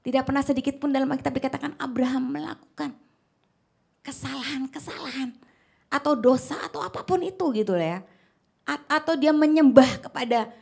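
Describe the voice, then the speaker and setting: A woman preaching a conversational church sermon, speaking directly to the congregation and often checking in with a quick "ya". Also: sits high, gravelly, darkish tone. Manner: chatty, keeps checking in with "ya", addresses the congregation directly.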